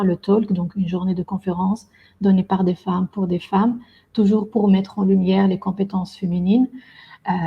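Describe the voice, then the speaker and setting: Her medium-pitched voice has a dark tone, and the highs are cut off in the recording. She's from Belgium, an event organizer being interviewed on a podcast, and she talks at length with plenty of hesitation and filler words.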